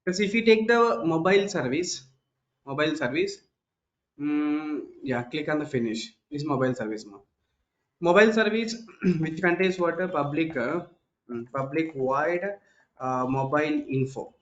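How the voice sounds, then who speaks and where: A male programming teacher with an Indian English accent, his voice sitting a little high for a man. He drills the class by repeating key terms and tossing back "what?" questions. The call audio is dull and echoey, like a recorded online class. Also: expressive, moderate pace. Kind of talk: live online class lecture.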